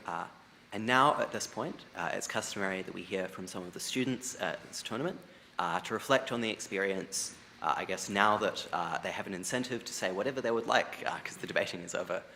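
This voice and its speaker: Very deep-voiced male ceremony host. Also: a little fast. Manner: relaxed, light joking, many fillers. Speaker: master of ceremonies. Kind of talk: ceremony hosting. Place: large debating chamber. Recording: long hall reverb with faint noise.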